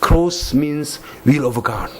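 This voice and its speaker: A man with a Gyeongsang Korean accent preaching a sermon in church, emphatic and repetitive, switching into slow deliberate English at times. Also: fairly high pitch, expressive, darkish tone, slight background noise. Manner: emphatic, repeats phrases, mixes in slow English. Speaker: missionary preacher. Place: church sanctuary.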